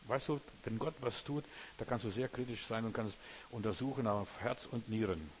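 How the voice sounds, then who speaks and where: A man's voice: fairly low pitch, moderate pace, slight background noise. German preacher man, repetitive cadence. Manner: addresses the listener directly as "du", with repeated parallel phrases. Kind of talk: sermon.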